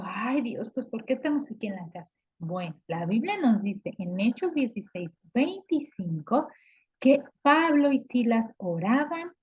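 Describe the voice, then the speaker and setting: Mexican woman, Sunday school teacher telling kids a Bible story, husky tone, muffled lo-fi recording. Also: medium pitch. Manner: expressive, asks the children questions. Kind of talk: Bible storytelling for young children.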